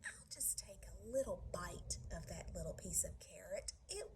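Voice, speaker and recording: Whispered role-play, lady doing a sneaky little boy ghost, hushed, up and down. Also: lowish voice, very animated, normal speed, noisy background, voice pushed down.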